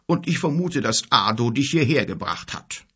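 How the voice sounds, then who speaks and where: A man voicing an old, bent and sorrowful king who speaks gravely and with bitterness in a storybook reading. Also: mid-range voice, big pitch swings, a bit bright, voice pushed up. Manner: grave, bitter, measured speech.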